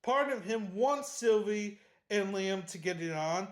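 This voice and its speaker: A book reviewer giving a casual, animated chapter recap, slangy and laughing often. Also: mid-range voice, unhurried. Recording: roomy echo.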